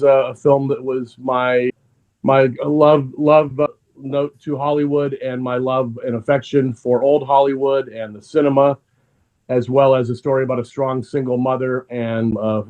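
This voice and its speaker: A filmmaker speaks as a guest on a podcast, a man of ordinary pitch who weighs his words and often restarts his phrases. His delivery is measured and earnest, working through his answers at his own speed. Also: darkish tone, muffled recording. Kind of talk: reflective interview answers.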